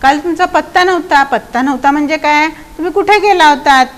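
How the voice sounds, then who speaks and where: High-voiced woman teacher with a Marathi accent. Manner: explains patiently, asks the class questions, recites verse slowly. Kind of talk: recorded classroom lesson explaining a poem to children.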